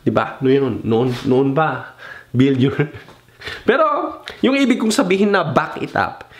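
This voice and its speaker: This young male vlogger speaks slowly in a mid-range, animated voice, offering laid-back advice. Tagalog and English blend in his speech, along with casual swearing and impressions of others. He wanders off topic and forgets where he was going.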